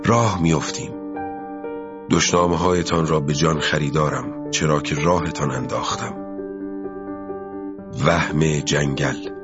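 A man reading a novel aloud as an audiobook narrator, in a slow, measured literary style with pauses. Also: extremely low pitch, music in the background. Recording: dull lo-fi audio with long reverb.

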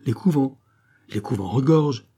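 A man's voice: mid-range voice, expressive, normal speed, mellow, breathy edge. A man reading an audiobook, voicing a stubborn male farmer who speaks plainly and insistently. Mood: complaining.

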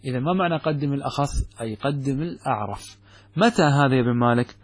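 A man teaching Arabic grammar from a classical text, with a Gulf Arabic accent, asking and answering his own questions and saying example words slowly with stress. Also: mid-range voice, husky. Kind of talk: explaining a grammar text in a lesson.

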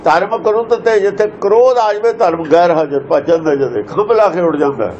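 A man's voice: sits high, expressive, fairly quick, a little mellow, slight background noise. A man explaining scripture verses to listeners, emphatic and pressing pointed rhetorical questions. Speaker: scripture teacher. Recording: dull lo-fi recording.

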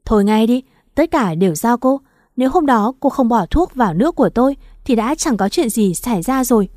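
A woman's voice: mid-range voice, normal speed, mellow, no echo, studio quality, close to an everyday voice. A woman voicing a torn young husband who pleads and clings, reading a storybook. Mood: angry.

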